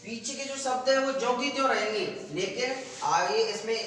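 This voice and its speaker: Male school teacher, high and bright, slow careful explanations, recorded from a distance in a reverberant room. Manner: slow, explaining step by step with repetition. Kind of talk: Hindi grammar lesson. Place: classroom. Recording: echoey room, far from the mic, faint noise.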